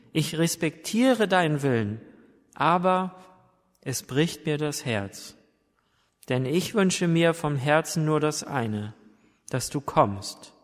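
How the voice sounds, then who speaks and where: A man voicing Jesus as a gentle grown man who asks soft, pleading questions. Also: fairly high pitch. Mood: tender. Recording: long hall reverb.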